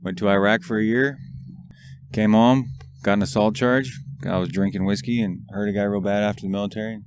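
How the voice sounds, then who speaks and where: A veteran from Montana telling his story haltingly, with many likes and restarts, outdoors in a parking lot. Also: on the low side, fairly even intonation, slight background noise. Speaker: guest, army veteran. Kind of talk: casual storytelling.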